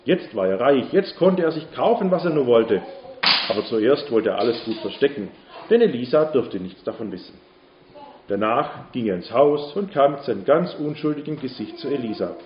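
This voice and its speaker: A man narrating a Bible story for children in a lively, expressive way, in a dull, roomy recording with faint hiss. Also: mid-range voice, moderate pace.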